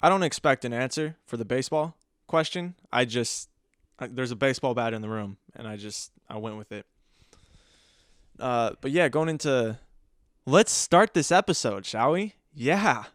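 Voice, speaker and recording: A man's voice: mid-range voice, normal speed, no room sound, clean studio sound. A young man hosting a podcast alone, rambling in a jokey, self-mocking way. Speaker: podcast host. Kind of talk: casual solo podcast chat.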